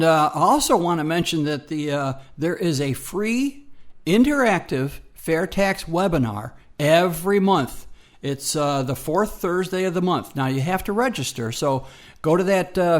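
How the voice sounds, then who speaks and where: A man with a voice on the high side co-hosts a radio program, chatting casually to promote something. He comes across folksy and hesitant, repeating himself for emphasis.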